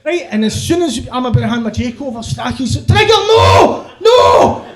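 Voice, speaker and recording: A middle-aged Glaswegian comedian with a notably high voice for a man, telling a story on stage. He is rowdy and sweary, laughing through his own telling. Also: fast, darkish tone. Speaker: stand-up comedian. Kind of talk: stand-up storytelling.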